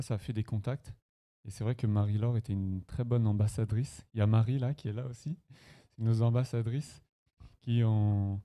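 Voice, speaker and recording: A man from France, a pastor, telling his personal testimony to a congregation in a conversational, storytelling way. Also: medium pitch. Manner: conversational, warm personal storytelling with light laughs. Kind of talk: sermon testimony. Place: church hall.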